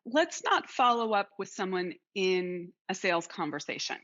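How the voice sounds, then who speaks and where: A woman's voice: medium pitch, sing-song, moderate pace, a bit bright. Woman host with dull lo-fi sound. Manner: thoughtful, restarts phrases, steers the talk. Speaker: podcast host. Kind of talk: casual interview chat.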